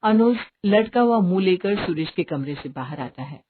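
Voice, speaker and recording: A woman narrating a story in a lively storytelling manner. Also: on the low side, moderate pace. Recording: tinny phone-like audio, faint hiss.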